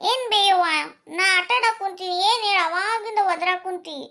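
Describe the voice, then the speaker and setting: A woman's voice: extremely high pitch, fairly even intonation, normal speed, background noise. A woman voicing a cheeky young boy in a cartoon, talking back sulkily with a North Karnataka accent. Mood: sulky defensive. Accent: North Karnataka Kannada. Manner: sulky, defensive backtalk.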